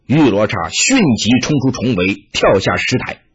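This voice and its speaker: A man narrating a martial-arts tale with dramatic, animated delivery. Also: on the low side, moderate pace, breathy edge. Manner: animated, rising and falling with the action. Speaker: storyteller. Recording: muffled lo-fi recording.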